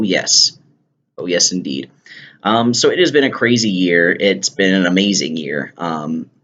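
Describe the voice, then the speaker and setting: A man's voice: deep voice, fairly bright tone. A young man talking to the camera at home in a casual video diary, chatty, rambling and poking fun at himself. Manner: chatty, self-joking, rambling. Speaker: vlogger. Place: indoors at home, wife nearby. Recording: dull lo-fi camera audio.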